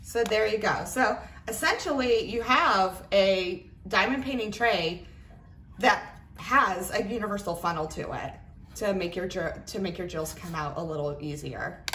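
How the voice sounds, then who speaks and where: Speaking a little slowly in a mid-range voice, a craft product reviewer chats casually through a demo at an indoor table. The room sounds spacious and the microphone is far off, picking up faint noise along with the clicks and rattles of the small pieces she handles.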